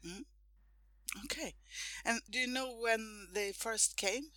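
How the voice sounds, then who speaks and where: A woman's voice: fairly high pitch, slow, a crowd in the background. A woman hosting a podcast interview, asking questions in an enthusiastic, chatty way. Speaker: podcast host. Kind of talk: casual interview. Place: home in Sweden.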